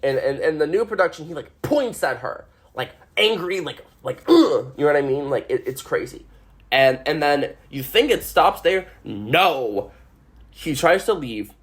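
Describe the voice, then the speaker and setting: A man hosting a podcast, retelling a stage musical in a rambling, excitable, sweary way, full of "like" and restarts. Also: fairly high pitch, moderate pace. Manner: many fillers and restarts. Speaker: podcast host. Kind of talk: casual chat.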